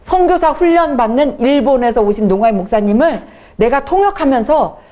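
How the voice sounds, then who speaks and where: Woman evangelist, slightly high voice, lively testimony storyteller who acts out her quotes. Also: a little fast, dull audio. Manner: animated storytelling, acting out quoted people. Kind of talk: testimony talk at a church event.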